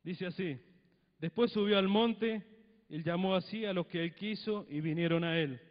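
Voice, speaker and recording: A middle-aged man from Mendoza, Argentina, with a Cuyo accent and a high voice at normal speed, preaches a sermon on a handheld mic in a church hall. His chatty preaching includes frequent tag questions and little acted-out dialogues. The lo-fi recording sounds dull, with long hall reverb.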